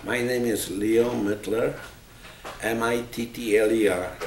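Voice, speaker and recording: An elderly Polish man in his eighties, a Holocaust survivor, recalls his past for an oral history interview while seated in a small office. His voice is deep and gravelly with fairly even intonation and a measured pace. The distant microphone makes the recording roomy and noisy.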